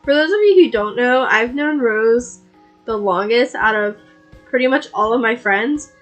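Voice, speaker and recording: A young woman with a high voice chats to her live-stream viewers over music. Her delivery is cute and bubbly in the anime-streamer way, excitable and giggly, and she keeps it casual. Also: a little slow.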